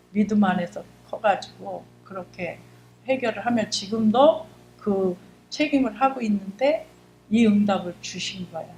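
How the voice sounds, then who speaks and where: A woman's voice: mid-range voice, a little mellow. A middle-aged woman, a church deaconess, giving an emotional, fervent testimony in a church service. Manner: emotional, fervent storytelling, acts out her own prayers. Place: church sanctuary. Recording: echoey church hall with faint hum.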